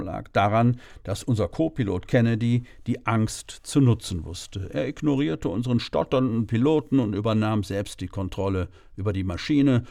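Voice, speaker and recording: A middle-aged man calmly narrating a first-person audiobook story in a measured way. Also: lowish voice, gravelly, dry recording, studio quality.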